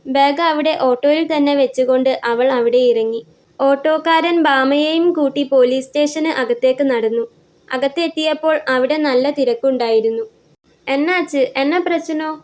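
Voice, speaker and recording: A woman telling a story as scripted narration, in an even, descriptive way. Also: sits high, moderate pace.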